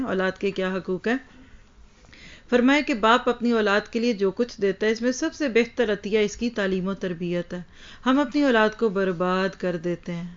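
A woman giving an Islamic lecture, teaching earnestly and addressing her listeners directly, on a slightly dull recording. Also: mid-range voice. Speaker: religious lecturer.

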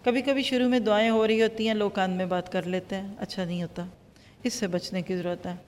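A woman teaching a Quran lesson, lively and acting out everyday dialogues as examples. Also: medium pitch, in a large hall, slight background noise. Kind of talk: religious lecture.

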